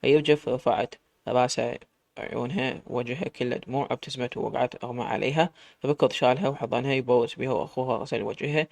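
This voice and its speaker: A man's voice: mid-range voice, fairly even intonation, creaky, darkish tone, dry recording. A man with an Iraqi Arabic accent narrating a dramatic story in the first person, emotional in his telling. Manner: emotional, fast-paced telling.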